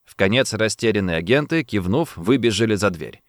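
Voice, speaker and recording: Expressive male audiobook narrator. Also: fairly low pitch, a little fast, no echo, clean studio sound.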